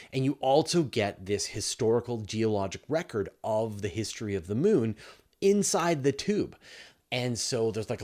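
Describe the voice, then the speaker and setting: Low-voiced Western Canadian man explaining. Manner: casual explanatory, many fillers and restarts. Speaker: host answering live viewer questions. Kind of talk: live Q&A chat.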